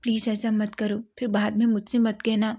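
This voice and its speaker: A woman's voice: medium pitch, level tone, moderate pace, mellow, breathy edge. A woman voicing a devoted, lovestruck young husband in a narrated story who makes tender, pleading promises.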